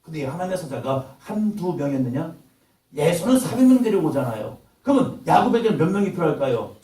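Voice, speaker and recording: A man preaching a sermon as pastor, with impassioned delivery that swells to loud, urgent peaks. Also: a little high, sing-song, fast talker, reverberant, distant mic, poor audio. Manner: impassioned preaching, acts out God's voice with sudden loud rises. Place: church sanctuary.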